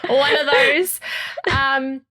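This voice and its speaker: A woman's voice: sits high, level tone, drawn-out words, sharp tone. An Australian woman in her twenties, a podcast guest, chatting in a rambling, laughing way over a video call. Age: 20s. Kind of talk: casual interview chat.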